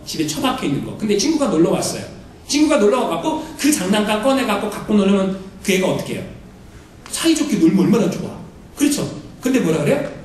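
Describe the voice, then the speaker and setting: A pastor giving a lively sermon, often questioning the congregation and acting out what people say. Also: medium pitch. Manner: lively, questions the congregation, acts out quoted voices. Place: church sanctuary. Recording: very echoey hall, mic far off, faint noise.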